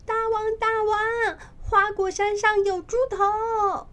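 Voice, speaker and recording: A woman voicing an excited little male monkey servant in a children's storybook, with a squeaky, eager, breathless manner. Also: slow, heavily acted.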